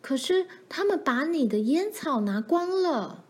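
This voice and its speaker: A woman's voice: sits high, very animated, unhurried, pitched above the performer's own voice. A woman voicing a frontier mother who sounds anxious and practical.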